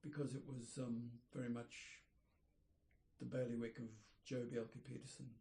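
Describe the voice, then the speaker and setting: An older man, an architect, reminiscing in an interview, rambling and pausing to search for names. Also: medium pitch, little pitch movement, gravelly, warm tone. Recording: roomy echoey room.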